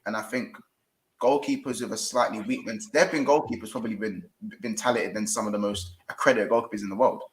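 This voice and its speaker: A man's voice: on the low side, fairly even intonation, fast. A man with a London accent hosting casual football talk, slangy and speaking straight to viewers. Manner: colloquial, slangy, addresses viewers directly. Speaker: host of a football fan show. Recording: roomy, echoey sound.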